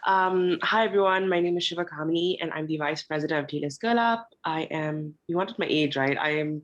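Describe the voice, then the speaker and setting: Low-voiced young woman rambling. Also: a little fast, dull audio. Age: 20s. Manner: rambling, lots of fillers. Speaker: student club vice president. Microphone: video call.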